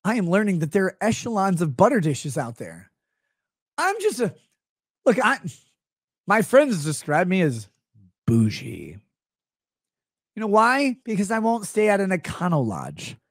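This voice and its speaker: A man with a high, lively voice rambles through a sarcastic comedic rant, jumping in and out of mock voices. He speaks close to a studio mic in a small home room, and the sound is dry and up front. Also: unhurried, long pauses, no room sound. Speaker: streamer host. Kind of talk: comedic live-stream rant. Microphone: close studio mic on stand.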